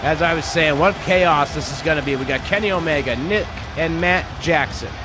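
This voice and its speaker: A man gives play-by-play as host of a wrestling game show. His voice is fairly high and his delivery is chatty, improvised and excited, with music playing clearly behind him. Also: moderate pace. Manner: chatty, self-deprecating, improvised.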